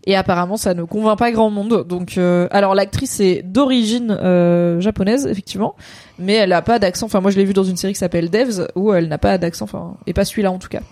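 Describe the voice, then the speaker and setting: A woman chatting casually as co-host of a streamed episode debrief, hopping between points with lots of fillers. Her voice sits at an ordinary pitch and sounds close and dry, with no room echo. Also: steady tone, mellow. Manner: chatty, quick digressions, many fillers. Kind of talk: casual chat.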